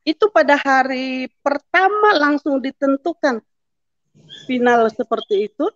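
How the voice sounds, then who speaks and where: A woman's voice: high voice, measured pace, no room sound. Middle-aged woman telling her story. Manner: storytelling, acting out the dialogue. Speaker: testimony speaker. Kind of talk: personal testimony in church. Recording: dull lo-fi sound.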